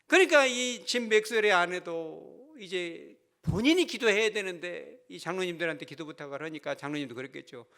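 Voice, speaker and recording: A man preaching with a bright, ringing voice that sits a little high for a man. His pitch leaps and falls as he tells the story, and he keeps putting questions to the congregation. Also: animated, a little fast, few pauses. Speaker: pastor. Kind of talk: sermon.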